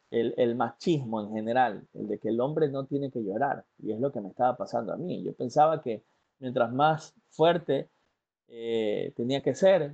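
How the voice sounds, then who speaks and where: A man's voice: medium pitch, darkish tone, dull audio. A man, giving a motivational talk as a life coach and speaking earnestly and directly to the listener, with frequent fillers and restarts. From Ecuador.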